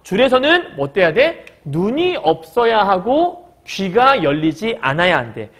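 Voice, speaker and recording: Male literature teacher, high and lively voice, lectures by firing questions at the class and answering them. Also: unhurried. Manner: breaks into short acted quotes of characters.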